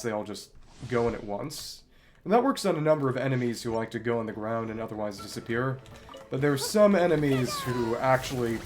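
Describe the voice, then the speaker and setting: Over game music and background noise, a man with a mid-range voice offers casual streamer commentary. He explains the gameplay mechanics in a wordy, understated manner.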